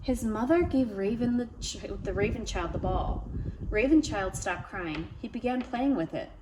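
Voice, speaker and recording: A woman's voice: mid-range voice, moderate pace. Woman reading a storybook tale, noisy background. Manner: prompting listeners with questions, wondering aloud. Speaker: storyteller reading a picture book aloud. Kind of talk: read-aloud picture-book storytelling of a trickster tale, with asides to young listeners. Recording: steady background ambient noise.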